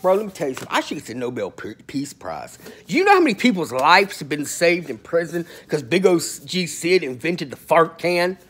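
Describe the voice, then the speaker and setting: A man telling comic prison stories in a slangy, animated way, swinging between loud and soft. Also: on the high side, brisk, a little hiss or hum. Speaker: storyteller about prison life. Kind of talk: comedic storytelling monologue.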